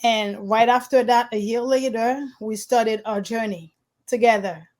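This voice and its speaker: A woman from Haiti with a fairly high voice speaks as an interview guest. She tells her story earnestly and steadily, and some of her phrasing is slightly unusual. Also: fairly even intonation, unhurried, a little mellow. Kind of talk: conversational interview.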